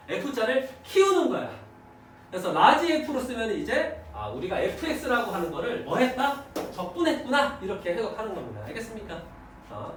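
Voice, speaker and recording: A man's voice: sits high, very echoey, far from the mic, slight background noise, low-quality recording. A man teaching math to a class, often stopping to ask whether the students follow. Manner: lively, checks understanding with students. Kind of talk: classroom lecture.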